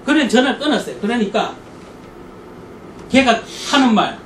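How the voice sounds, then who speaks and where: A male lecturer teaches a church parenting class, telling stories and acting out the people in them. His voice is high and swings widely in pitch. He is heard from some distance in an echoey hall with faint noise behind. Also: normal speed. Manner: animated storytelling, acts out quoted people.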